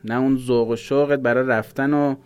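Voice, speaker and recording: A man's voice: medium pitch, steady tone, clear, resonant tone, voice pushed up, close to an everyday voice. A man doing a kindly, insistent father. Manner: warm but firm.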